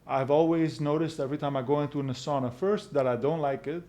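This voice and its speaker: A man in his forties from Belgium, a podcast guest explaining his views in a calm, measured way. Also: on the high side. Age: 40s. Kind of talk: casual podcast conversation.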